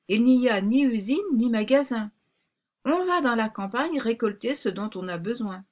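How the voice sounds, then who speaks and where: A woman voicing a bossy, secretive male pink rabbit in a storybook, speaking in a brisk, commanding way. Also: a little high.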